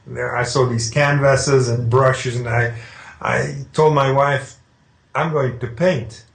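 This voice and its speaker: A middle-aged man from Switzerland talks through how he took up painting, in a conversational and somewhat halting manner with frequent restarts. His voice sits at an ordinary middle pitch. The recording carries a noticeable roomy echo. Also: gravelly. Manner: hesitant, with restarts, recounting calmly. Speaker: painter, interview guest. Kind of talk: conversational interview. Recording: echoey room.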